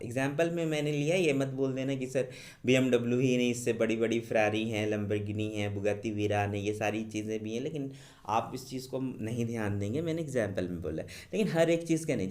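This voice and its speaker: Teacher guy, talks slow n patient, walks kids thru grammar step by step. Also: mid-range voice, a little mellow. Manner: patient, addresses students as beta, mixes Hindi and English. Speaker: English teacher. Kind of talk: classroom lesson explaining grammar.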